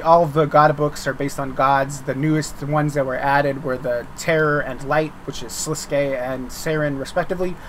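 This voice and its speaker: Rambling man, slightly high voice, background noise. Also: steady tone, moderate pace, hardly any pauses. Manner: rambling, informal, circles back on words. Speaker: game developer and streamer. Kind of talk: casual unscripted update commentary.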